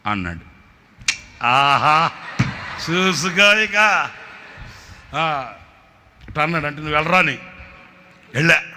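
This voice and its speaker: A man preaching, telling a comic testimony in an animated storytelling manner with sudden shouted bursts. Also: mid-range voice, slight background noise. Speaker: preacher sharing a ministry testimony.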